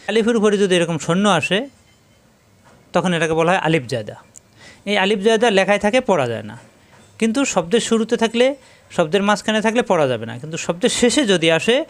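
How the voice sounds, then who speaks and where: Brisk high-voiced male Quran teacher. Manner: patient, repetitive explaining with demonstrations. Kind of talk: step-by-step tajweed lesson.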